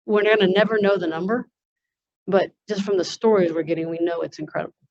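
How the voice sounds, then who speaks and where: A woman hosting a network meeting at a symposium answers participants informally and without a script, talking fast in a steady, lowish voice. The panel-style discussion comes through in dull lo-fi audio.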